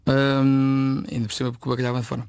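A man's voice: medium pitch, completely flat delivery, fast talker, darkish tone, clean tone, no room sound. A man from Portugal with a European Portuguese accent, a chef answering interview questions, often repeating words as he searches for them.

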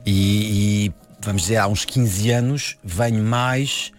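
A man's voice: lowish voice, slow pace, soft background music. A man born and raised in France, a film director speaking Portuguese as an in an interview, hesitant and full of restarts. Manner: hesitant, many restarts and repeated words. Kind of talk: conversational interview.

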